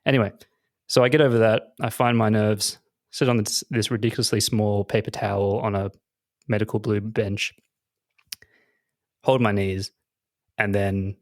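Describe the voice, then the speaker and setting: A man co-hosting a podcast, telling a comic story in an animated, self-mocking way with frequent laughs. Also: fairly low pitch, moderate pace, long pauses, dry recording, clean studio sound. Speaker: podcast co-host. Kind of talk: casual chat, comic storytelling.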